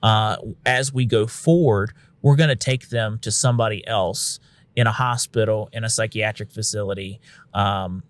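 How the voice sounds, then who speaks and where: Frank low-voiced male paramedic. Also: fairly even intonation, moderate pace, dry recording. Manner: frank, conversational, uses occasional swearing; acts out quotes of what he'd say to patients. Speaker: paramedic and instructor. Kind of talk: casual podcast discussion.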